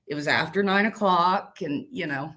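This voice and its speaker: A woman's voice: on the low side, normal speed, a bit bright, slight background noise. A woman truck driver talking as an interview guest, plainspoken and emphatic in a folksy, casual way.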